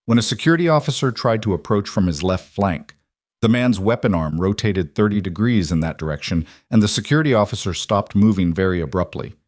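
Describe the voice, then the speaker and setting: Low-voiced man narrating a story. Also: expressive, brisk, dry recording, studio quality.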